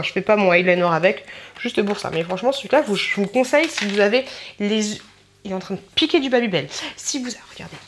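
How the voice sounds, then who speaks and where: A woman's voice: a little high, a bit bright, a little hiss or hum. A young woman chatting casually in a rambling home haul vlog, talking straight to her viewers. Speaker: beauty vlogger.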